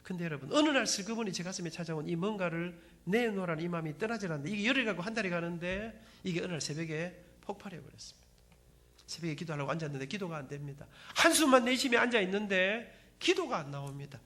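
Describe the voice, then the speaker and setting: Here a middle-aged Korean man with a Gyeongsang accent shares his testimony before a congregation. The voice is high and the pace quick, and he tells the story in an animated, dramatic way that speaks straight to the audience.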